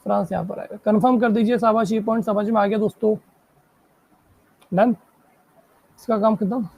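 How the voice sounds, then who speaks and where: A woman's voice: mid-range voice, fairly even intonation, a little mellow. Woman teaching a live online class. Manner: checks in constantly, praising and asking if it is clear; reads English questions out slowly, then explains in Hindi.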